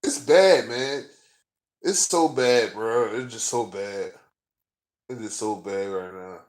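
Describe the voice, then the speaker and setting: A man's voice: on the low side, slow. A man vlogging as a sports fan, ranting in a profane, frustrated and rambling way, full of fillers. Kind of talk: casual rant to camera.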